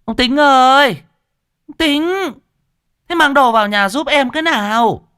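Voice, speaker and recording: A man voicing a shrill, frantic village wife who calls out loudly. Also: normal speed, vocal fry, no room sound, studio quality. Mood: calling loudly. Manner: calling out loudly, anxious.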